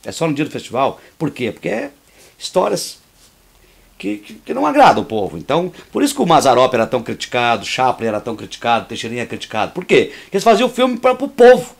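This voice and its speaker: A filmmaker and actor gives outspoken, opinionated commentary over a making-of about his own film. His mid-range voice swoops wildly in pitch, moves quickly, and carries vocal fry, and he talks freely, restarting and repeating words.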